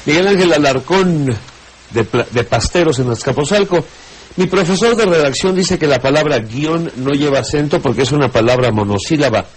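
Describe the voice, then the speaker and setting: Man, Mexican accent, radio host, reads letters briskly, mid-pitched voice, faint hiss. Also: lively intonation, low-quality recording. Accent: Mexican Spanish. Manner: reads letters briskly, then chats along. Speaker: radio host reading listener questions. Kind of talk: radio call-in reading.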